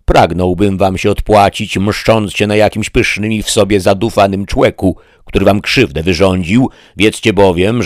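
A man's voice: fairly low pitch, dry recording, studio quality, voice pushed up, close to an everyday voice. A man voicing a pompous, deluded old knight who speaks in a grandiloquent, declamatory way.

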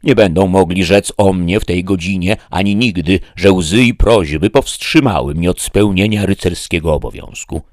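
A man voicing a proud, stubborn knight who declaims loudly and solemnly. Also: low voice, normal speed, hardly any pauses, no echo, studio quality, voice pushed up, close to an everyday voice.

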